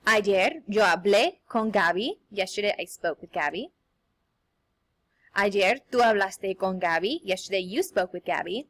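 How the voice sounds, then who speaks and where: A young adult woman, a teacher, giving a recorded lesson in an upbeat, sing-song manner and slowing down carefully to model each example. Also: mid-range voice, animated, fairly bright tone. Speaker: Spanish teacher.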